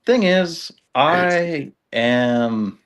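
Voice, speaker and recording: A man's voice: fairly high pitch, lively intonation, very slow. A man from the US West Coast, a guest on a podcast, giving easygoing, self-deprecating answers. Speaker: podcast guest, street fighter. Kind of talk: casual interview answers.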